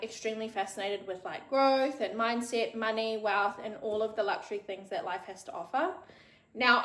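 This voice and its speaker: This fairly high-pitched voice belongs to a thirty-something New Zealand woman hosting her own show. She talks solo in a frank, casual way and swears without holding back, with reverb in the room.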